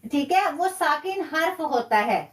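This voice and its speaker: Slow high-voiced woman teacher. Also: lively intonation, echoey room, recorded from a distance, slight background noise. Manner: slow, patient explaining with repetition. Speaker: Quran tajweed teacher. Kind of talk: live online lesson.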